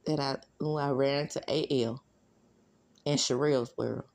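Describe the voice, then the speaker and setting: Speaking in a bass voice with vocal fry, this Mississippi woman keeps a steady, darkish tone at a moderate pace. She chats solo about celebrity gossip in her Southern Mississippi accent, sassy, blunt and full of conversational asides.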